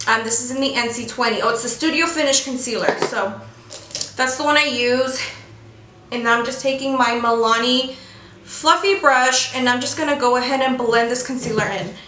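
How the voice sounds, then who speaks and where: A woman's voice: a little high, moderate pace, sharp tone. A young American woman giving a casual, chatty makeup tutorial with informal, slangy talk while chewing gum. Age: young adult. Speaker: beauty vlogger. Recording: roomy echo, faint background noise.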